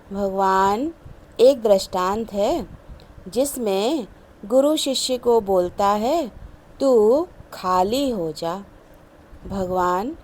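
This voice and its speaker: A woman giving a devotional sermon, explaining a teaching story in a measured, repetitive way. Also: medium pitch. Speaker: satsang speaker.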